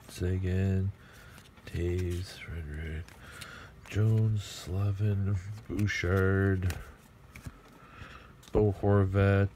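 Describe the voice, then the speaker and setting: A middle-aged man casually murmuring player names as he opens hockey card packs at a table, clearing his throat often. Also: low-pitched, noisy background. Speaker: card collector opening packs. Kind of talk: casual pack-opening commentary. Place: indoor table at home.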